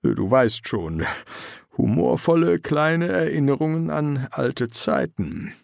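A man's voice: on the high side, big pitch swings, slow pace, creaky, darkish tone, no room sound, clean studio sound, voice pushed up, heavily acted. A man voicing a polite, fussy young army lieutenant who talks in a formal, courteous, chatty way, in a German audiobook. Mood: prim.

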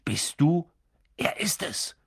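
A man's voice: fairly high pitch, sing-song, slow, gravelly, husky, dry recording, clean studio sound, voice pushed up, heavily acted. A man voicing a pair of mischievous teenage twin boys, playful and mocking. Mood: eager.

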